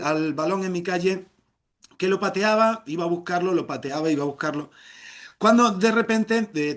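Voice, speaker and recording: A middle-aged man telling a humorous story live, playful and theatrical, with shouted exclamations. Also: fairly high pitch.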